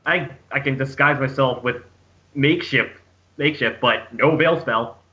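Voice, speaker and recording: A man's voice: medium pitch, a little slow, pushed and bright. A man playing a tabletop role-playing game, speaking in character and often repeating himself as he goes. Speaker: player. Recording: slightly muffled, lo-fi.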